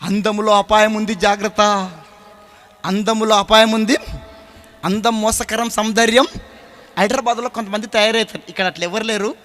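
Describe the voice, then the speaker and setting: A male preacher with a Telangana Telugu accent, giving a folksy storytelling sermon in a blunt, animated way. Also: high-pitched, moderate pace, long pauses, faint music behind.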